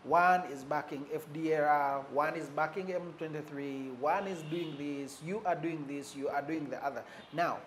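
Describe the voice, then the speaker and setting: A man giving unscripted commentary on politics, measured and pausing often, leaning hard on key words. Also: on the high side, steady tone, slight background noise. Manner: stresses key words for emphasis.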